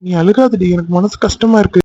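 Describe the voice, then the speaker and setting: A man's voice: high-pitched, brisk, vocal fry, mellow, lo-fi sound. A man voicing a young man in a cartoon love story, pleading insistently with his angry girlfriend. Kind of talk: cartoon voice acting.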